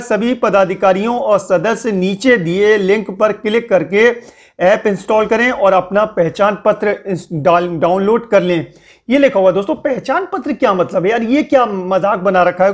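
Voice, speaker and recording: A young man hosting a casual spoken news update, warning his viewers and scolding them with repeated pleas. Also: sits high. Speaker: news channel host.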